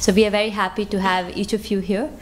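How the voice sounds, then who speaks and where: Woman, temple lecture, conversational, fillers, interactive, mid pitch. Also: level tone, fast. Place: temple hall.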